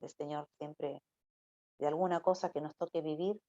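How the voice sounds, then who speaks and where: Her voice low and warm, a woman teaches the Bible to a church youth group in a relaxed sermon, keeping a steady tone and moderate pace. She habitually closes phrases with a questioning "no?". The audio is dull and lo-fi.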